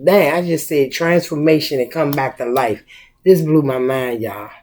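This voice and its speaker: A woman's voice: low-pitched, moderate pace, darkish tone. A middle-aged woman, a mother co-hosting a casual family chat, talking emphatically and asking rhetorical questions like a preacher. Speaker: mother and co-host.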